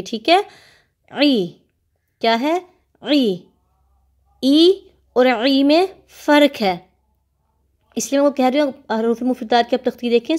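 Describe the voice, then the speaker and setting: A woman with a Pakistani Urdu accent teaching Quran reading in a slow, drilled lesson, patiently repeating each sound for the learner to echo. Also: on the high side, a little mellow. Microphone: online class recording.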